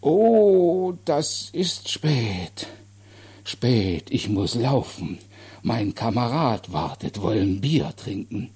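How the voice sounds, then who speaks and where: Guy putting on a simple excitable man who thinks he's god, booming bass, choppy little sentences, pretty dark tone. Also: extremely slow, husky, heavily acted. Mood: fretful. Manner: short broken sentences, childlike and insistent.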